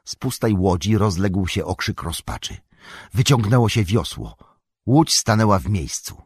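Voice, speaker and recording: A man narrating an audiobook in an expressive, animated storytelling manner. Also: lowish voice, a little slow, slightly rough, no echo, studio quality. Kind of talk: scripted narration.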